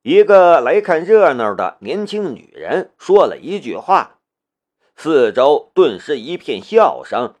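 A man narrating a novel in an expressive storytelling manner. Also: on the high side, slow. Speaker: audiobook narrator.

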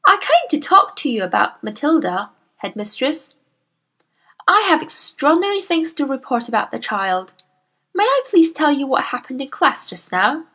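A woman voicing a gentle young female schoolteacher who pleads earnestly in a high voice. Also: big pitch swings, moderate pace, exaggerated voice. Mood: earnest pleading.

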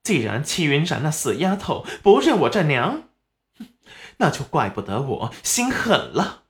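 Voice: medium pitch, sing-song, measured pace, fairly bright tone. A narrator voicing a greedy, scheming middle-aged peasant mother in an audiobook, in a raised, eager voice.

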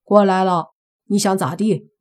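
A woman's voice: mid-range voice, steady tone, unhurried, darkish tone, natural voice. A woman reading an audiobook and voicing a cocky young man who talks in a brash, mocking way with casual slang.

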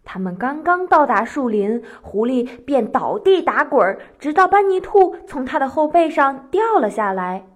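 A woman telling a children's story in a gentle, singsong narration as the host. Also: high-pitched, sing-song, normal speed, hardly any pauses.

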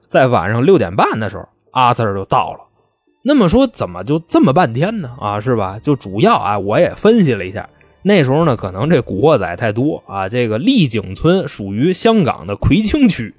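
Animated storyteller, man. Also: medium pitch, no room sound. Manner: colloquial, animated, chatty asides. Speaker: podcast host. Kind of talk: true-crime storytelling.

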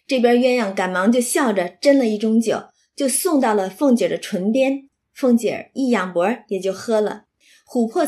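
A woman retells a classic novel scene by scene, mixing the story with her own chatty comments. Her voice is a bit higher than average, and she keeps turning to her listeners for agreement as she goes. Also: a little mellow. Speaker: literature explainer.

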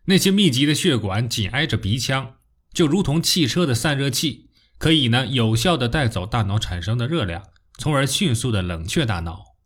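Male narrator, nature documentary style, scripted science storytelling, medium pitch, highly varied intonation, expressive emphasis. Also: moderate pace, husky. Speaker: narrator of a popular science audiobook.

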